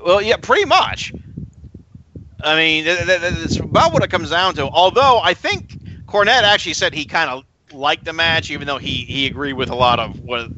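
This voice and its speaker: A man co-hosting a casual podcast chat, talking in halting bursts full of stammers and restarts. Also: a little high, lively intonation, pushed and bright, highs cut off, a little hiss or hum. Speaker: podcast co-host.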